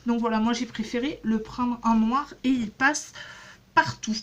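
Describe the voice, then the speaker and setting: A woman's voice: a little high, steady tone, unhurried, dull audio. A woman in her thirties chatting casually in a haul vlog, rambling with many fillers and restarts. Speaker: beauty vlogger.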